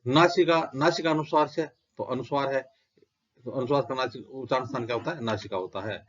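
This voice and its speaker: A male teacher gives a lesson at an ordinary pitch. He recites lists of letters one by one and poses questions that he answers himself. The recording sounds dull and lo-fi. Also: brisk, slightly rough. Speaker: Sanskrit grammar teacher. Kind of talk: classroom-style lecture.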